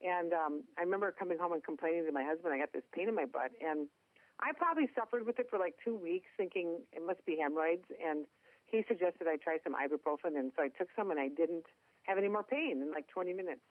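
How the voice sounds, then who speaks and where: A middle-aged Minnesota woman with the local accent shares her story in a phone interview, talking fast in a lowish voice. She's a chatty guest with self-deprecating humor, and the phone line sounds tinny and dry, without echo.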